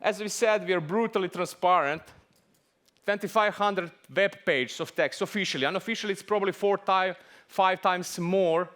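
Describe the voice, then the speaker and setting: A man from Serbia speaks with a Serbian accent and a voice pitched a bit above most men. His English is a second language, and his conference talk is lively and full of small jokes. He sounds middle-aged. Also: normal speed. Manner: lively, joking, non-native English phrasing.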